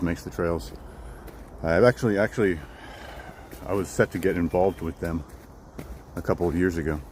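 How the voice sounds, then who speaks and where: A man talks on a live stream while he walks a wooded trail, his voice deep and low. He rambles, doubles back on his words and greets viewers by name. A faint outdoor hiss sits under him. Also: darkish tone. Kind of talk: casual live-stream chat while hiking.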